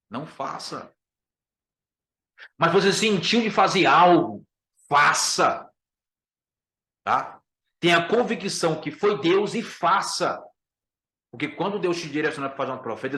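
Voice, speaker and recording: A man with a Brazilian Portuguese accent gives an emphatic Bible lesson as a pastor. His voice sits a little high and he repeats each key point to his listeners. The room is echoey. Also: sharp tone. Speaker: pastor teaching a class.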